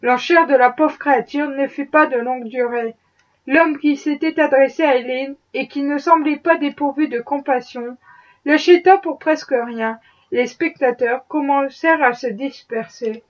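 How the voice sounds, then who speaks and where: A woman narrating a classic novel as an audiobook in a steady, measured reading. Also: high-pitched, muffled recording. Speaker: audiobook reader.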